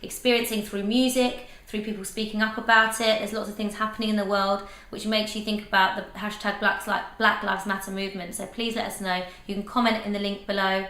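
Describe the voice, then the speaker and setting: A woman co-hosting a casual discussion, talking in an animated way and thinking aloud. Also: mid-range voice, fairly quick, few pauses. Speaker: co-host. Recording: roomy echo.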